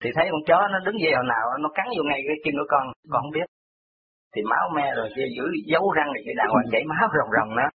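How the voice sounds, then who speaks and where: A man's voice: fairly high pitch, lively intonation, rapid-fire, a crowd in the background. A man with a Southern Vietnamese accent calling in to a radio show, recounting a personal story in rambling, detail-heavy fashion. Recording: tinny phone line on radio.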